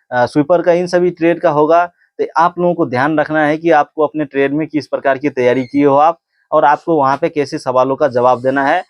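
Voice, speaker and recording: A man's voice: a little high, no echo, highs cut off. A man giving casual, earnest training advice to viewers, repeating points and restarting sentences often. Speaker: physical test coach. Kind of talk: casual instructional talk to camera.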